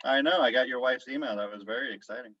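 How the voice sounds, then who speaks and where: A man's voice: mid-range voice, fast, no echo. A man hosting a podcast in casual chat, joking and rambling with restarts. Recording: dull, dry lo-fi sound.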